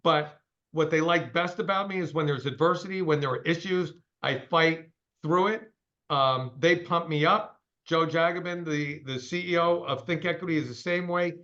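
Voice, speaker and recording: A man's voice: a little high, fairly bright tone, highs cut off. A man in his sixties, a company CEO, giving a straight-talking, emphatic interview over a call. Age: 60s.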